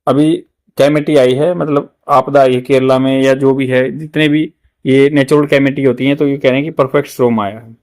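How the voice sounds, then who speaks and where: A man with an Indian accent teaching English grammar for exam prep, repeating words slowly to drill pronunciation. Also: mid-range voice, fairly even intonation, darkish tone.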